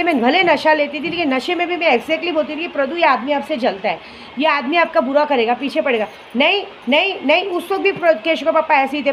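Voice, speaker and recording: A woman's voice: high voice, a bit bright, a little hiss or hum, rough recording. A woman in her forties talking straight to camera in a candid, indignant monologue, complaining and repeating her points. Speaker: vlogger.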